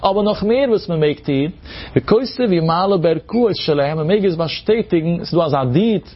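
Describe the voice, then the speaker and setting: A man's voice: fairly high pitch, animated, normal speed, slightly rough, dull audio. A man teaching a Talmud lesson in a sing-song explanatory cadence, mixing in Hebrew terms. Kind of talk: Talmud study lecture.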